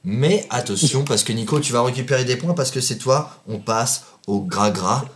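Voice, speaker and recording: Un jeune homme qui anime un jeu entre amis en tant qu'arbitre, taquin et faussement sévère, riant souvent. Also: male voice, mid-range voice, moderate pace, slight background noise. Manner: teasing, mock-stern, laughs often. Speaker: game host and referee. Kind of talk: joking quiz banter among friends.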